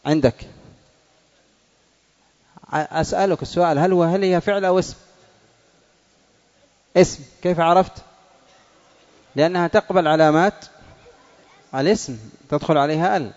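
A man's voice: on the high side, darkish tone, long reverb tail, muffled recording. A male teacher giving a classroom grammar lesson, quizzing pupils and repeating their answers.

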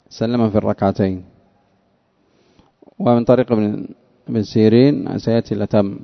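A man teaching a religious lesson at an ordinary pitch, captured on a slightly dull, lo-fi recording. He reads a passage, then explains it in a measured way, asking questions and answering them himself. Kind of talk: reading a text aloud and explaining it.

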